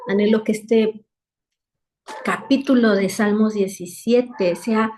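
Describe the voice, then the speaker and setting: A woman gives an earnest Bible lesson over a video call. She repeats phrases to drive each point home. Her voice sits at an ordinary middle pitch. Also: steady tone, slow, darkish tone, a little hiss or hum. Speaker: Bible teacher. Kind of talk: weekly online Bible lesson.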